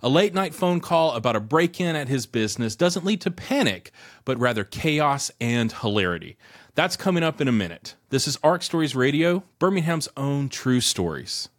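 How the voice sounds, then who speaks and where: Male radio host reading scripted links between stories, even and smooth. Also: medium pitch, normal speed.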